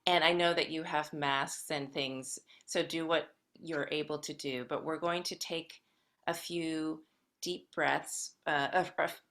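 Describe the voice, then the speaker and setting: Female workshop lecturer, American accent, very unhurried delivery, clear-cut bright tone, addresses the group directly. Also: low-pitched, fairly even intonation. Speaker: guest lecturer in music education. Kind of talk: workshop presentation with gentle guidance.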